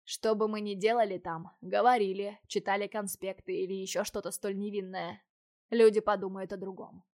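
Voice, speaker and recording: A woman reading the part of a young male battle-mage captain in an audiobook, calm, direct and softly teasing. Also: mid-range voice, moderate pace, lightly acted.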